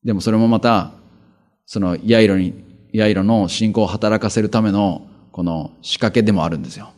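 A man's voice: fairly low pitch, darkish tone. A male pastor preaching, reading Bible verses aloud and then explaining them in a conversational way, with rhetorical questions and asides.

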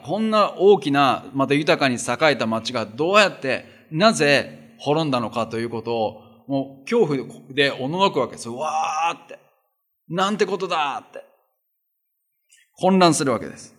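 A man works through a Bible chapter in a measured reading voice with a middle pitch. Between passages he stops and explains the text in an easy, conversational way, as a pastor speaking to his congregation. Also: lively intonation, fairly bright tone. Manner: reads scripture steadily, then explains in a plain conversational tone. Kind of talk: Bible reading with sermon commentary.

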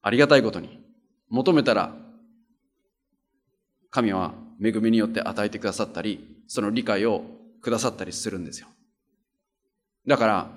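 A pastor with a fairly low voice preaches a conversational sermon and reads scripture aloud. He is earnest and plain-spoken, repeating his points to drive them home.

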